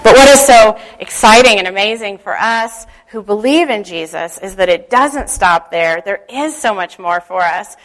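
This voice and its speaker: A woman speaking as a church leader, giving a devotional talk and guided prayer in a gentle, unhurried, instructive way. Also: mid-range voice, low-quality recording.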